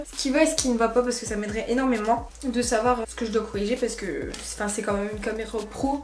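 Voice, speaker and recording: A vlogger with a cold chats casually while unboxing and trying on clothes, rambling and correcting herself. Her voice is a little high, and the room sounds echoey.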